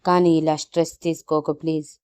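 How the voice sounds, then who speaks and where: A woman voicing a remorseful young man who pleads softly and soothingly in a storybook audio drama. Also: low-pitched, little pitch movement, fast talker, clear, resonant tone, close to an everyday voice.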